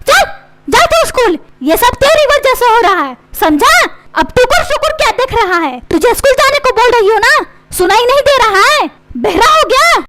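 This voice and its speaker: A woman's voice: very high voice, very animated, moderate pace, heavy background noise. A woman voicing a fickle cartoon mother who scolds her husband and dotes on her son, talking in a bossy, scolding way.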